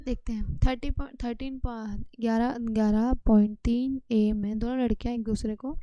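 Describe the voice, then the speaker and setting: Woman science teacher, dark smooth voice, patient step-by-step explainer, dry close recording. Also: on the high side, fairly even intonation, normal speed, no echo, highs cut off. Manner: explains step by step, asks students rhetorical questions. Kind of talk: textbook lesson explanation.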